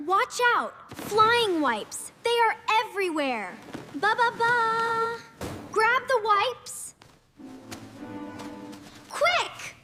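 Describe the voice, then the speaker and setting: A woman voicing an excitable little girl. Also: very high voice, very slow, pauses often, over music, heavily acted. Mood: frantic. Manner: exclaiming, bossy, clearly enunciated. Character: excitable young girl babysitting her baby brother. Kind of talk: slow scripted story for language learners.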